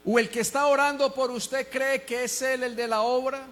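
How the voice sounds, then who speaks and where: A man with a Colombian Spanish accent preaching a sermon as pastor, dropping to quiet asides and rising to shouted emphasis. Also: very high-pitched, level tone, moderate pace.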